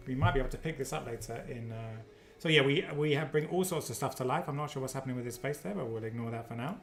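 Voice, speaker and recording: A man presenting a casual livestream product demo, joking and upbeat as he talks through the software. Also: medium pitch, fast talker, soft background music. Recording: roomy echo.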